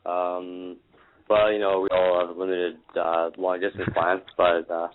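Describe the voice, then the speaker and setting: A man's voice: low-pitched, little pitch movement, a little slow. A man calling in on speakerphone, talking in a loose, rambling, friendly way after a few beers. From Canada. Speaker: caller. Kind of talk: casual chat. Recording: tinny speakerphone line with faint hiss. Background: friends in the room.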